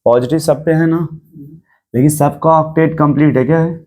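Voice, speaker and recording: A man's voice: a little high, fairly even intonation, moderate pace, dark tone. Male chemistry teacher asking questions. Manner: asks the class constant rhetorical questions; mixes English terms into Hindi explanation. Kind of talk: classroom lecture.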